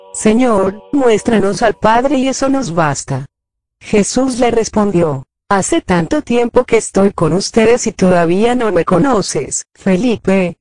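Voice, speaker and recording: A mid-pitched reader reads scripture in a formal, steady voice. The sound is dry and close, with faint music underneath. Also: dry recording. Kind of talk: reading scripture passages.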